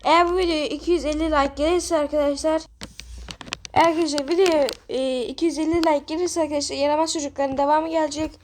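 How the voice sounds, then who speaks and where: A woman's voice: high voice, fairly even intonation, slight background noise. Chatty woman hosting a game video. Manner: chatty, fast, scolding as a judge. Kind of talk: casual gameplay commentary with voiced characters.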